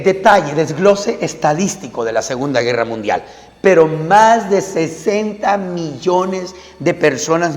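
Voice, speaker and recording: A man's voice: fairly high pitch, a little mellow. A male pastor preaching a sermon in a lecturing way, asking rhetorical questions and answering them himself. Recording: long hall reverb.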